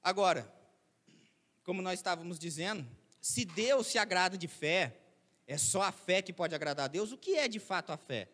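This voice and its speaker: A man preaches to his congregation, his voice sitting high. He keeps the sermon conversational, throwing out rhetorical questions. The sound carries a long reverb from the church hall. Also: expressive, normal speed, fairly bright tone. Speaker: pastor.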